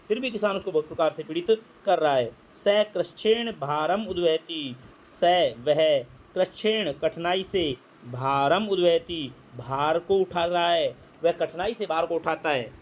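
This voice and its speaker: Man teaching Sanskrit line by line. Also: on the high side. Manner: reads Sanskrit slowly, then explains in Hindi. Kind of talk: line-by-line translation lesson.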